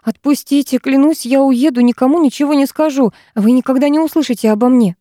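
A woman's voice: on the high side, steady tone, a little fast, mellow, no echo, clean studio sound, voice pushed up, natural voice. A woman voicing a terrified young woman held captive, pleading in panic, in an audiobook.

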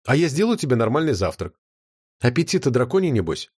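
A man voicing a calm, practical woman of a dragon clan with a dry, wry manner. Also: medium pitch, brisk, breathy edge.

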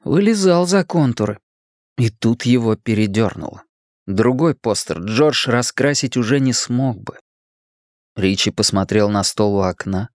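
A man reading a novel aloud as a narrator in a steady, measured voice. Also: fairly low pitch, dry recording, studio quality. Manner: reads character lines in raised, stammering voices. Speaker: audiobook narrator. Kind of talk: scripted narration.

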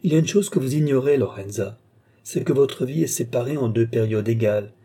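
A man reading an audiobook and voicing a calm, commanding male mystic who talks to his wife in a measured, gently menacing way. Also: mid-range voice, slightly rough.

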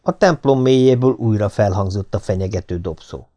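Reading an adventure novel aloud in the first person, a man narrates this audiobook at a steady, measured pace. His voice sits on the low side, and the audio sounds dull.

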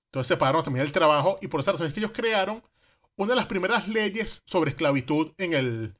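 A man's voice: fairly high pitch, lively intonation, fast, a bit bright. A man with a Venezuelan Caribbean Spanish accent telling history casually, in slangy everyday speech, asking rhetorical questions and acting out quotes.

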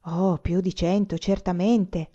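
A woman voicing a proud, touchy young male student who speaks lively and sometimes haughtily, in a storybook reading. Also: on the low side, slow. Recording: slightly muffled recording.

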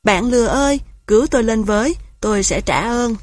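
Sly hungry jackal put on by a woman, husky, loud, storybook. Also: on the high side, expressive, moderate pace, dry recording, studio quality. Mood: pleading.

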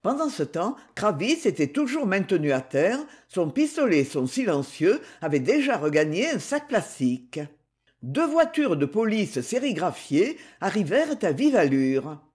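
An audiobook reader narrating a novel with steady, expressive reading. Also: mid-range voice, normal speed.

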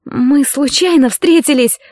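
A woman's voice: high-pitched, animated, slow pace, no echo, studio quality, voice pushed up. A woman voicing a frightened young woman who sobs and pleads. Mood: sobbing, pleading. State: sobbing.

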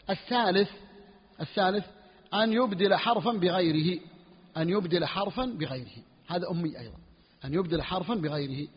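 A man teaching a jurisprudence lesson, repeating key phrases slowly for emphasis and asking questions that he answers himself. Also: high-pitched, husky. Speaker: sheikh teaching Hanbali jurisprudence. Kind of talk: classical Arabic fiqh lesson. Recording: lo-fi lecture recording in a reverberant hall.

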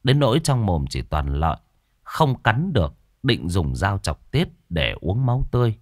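A man's voice: fairly low pitch, sing-song, moderate pace, no room sound, studio quality. A man narrating a horror story in a dramatic, suspenseful storytelling voice.

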